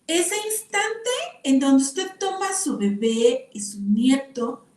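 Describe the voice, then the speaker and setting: An older woman, teaching a Bible class to women and telling personal stories with lively exclamations. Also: high-pitched, slow. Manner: expressive storytelling with exclamations and laughter. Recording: echoey room from far off.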